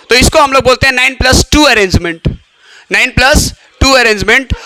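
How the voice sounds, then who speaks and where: A man's voice: extremely high pitch, sharp tone, clear, resonant tone. A man teaching biology in a classroom lecture, who keeps asking questions and answering them himself.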